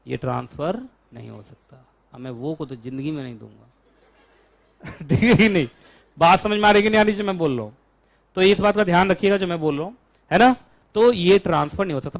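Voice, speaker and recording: A man with an Indian accent teaching a law class, chatty and joking, stretching out key terms slowly. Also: sits high.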